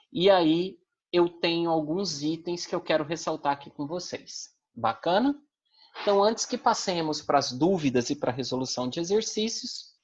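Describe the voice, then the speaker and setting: Low-voiced Brazilian woman teaching a class. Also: lo-fi sound. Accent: Brazilian Portuguese. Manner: didactic, checks in with tag questions. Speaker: Portuguese language teacher. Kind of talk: online class lecture.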